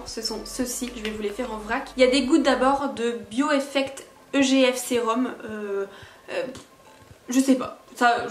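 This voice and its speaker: A woman's voice: a little high, roomy sound. A woman chatting casually and frankly through a beauty product review, laughing at herself now and then. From France. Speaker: beauty vlogger.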